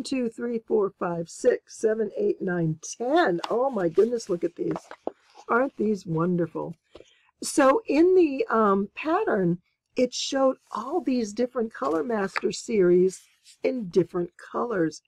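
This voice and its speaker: A woman hosts her quilting channel, unboxing and showing fabrics while chatting enthusiastically and exclaiming with delight. Her voice has a medium pitch and a darkish tone. There's a bit of hiss or hum in the audio.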